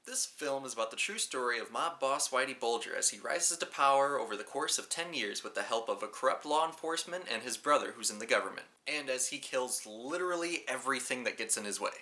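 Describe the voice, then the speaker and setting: A man's voice: medium pitch, animated, a little fast, hardly any pauses, pushed and bright. A man hosting a casual movie review, talking in a rambling, offhand way with self-mocking jokes. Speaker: film reviewer and show host.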